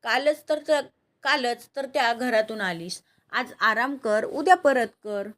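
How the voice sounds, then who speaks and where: A woman's voice: a little high, measured pace, fairly bright tone. A woman voicing a middle-aged mother who talks firmly and scolds. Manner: scolding, firm.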